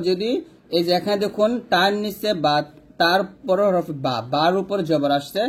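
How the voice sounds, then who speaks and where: A man teaching Quran reading, slowly repeating letter sounds for drilling. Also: high-pitched, breathy edge. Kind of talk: step-by-step recitation lesson.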